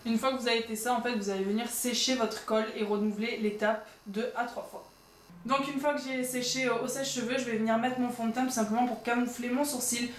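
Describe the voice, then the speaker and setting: A woman's voice: on the high side, steady tone, quick pace. A young woman narrating a casual makeup tutorial as a vlogger, chatty and joking at her own expense. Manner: chatty, with frequent "donc" and light self-mocking asides. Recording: roomy sound with faint background noise.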